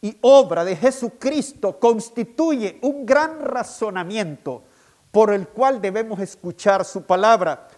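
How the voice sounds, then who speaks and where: A male pastor delivering a sermon in a high voice that swoops up and down with great animation. He speaks slowly and deliberately and repeats each key point so it sinks in. His manner stays emphatic throughout.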